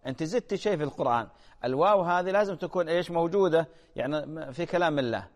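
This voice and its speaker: A man hosts a religious call-in program, answering listeners' questions. He talks quickly in a slightly high voice, patiently repeating key points. A long reverb trails his voice. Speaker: religious call-in show host.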